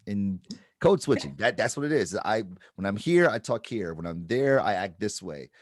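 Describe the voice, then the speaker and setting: This middle-aged man from Detroit, Michigan, has a lowish voice with lively intonation and a moderate pace. Speaking thoughtfully on a panel about advertising, he keeps asking "right?" as he explains, recorded in a clean studio with no room sound.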